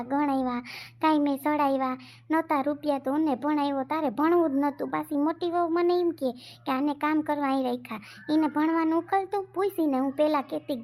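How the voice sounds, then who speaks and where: A woman's voice: high voice, darkish tone, natural voice. A woman with a Kathiawadi Gujarati accent playing a quarrelsome older village mother in a family comedy skit, scolding and complaining and repeating herself.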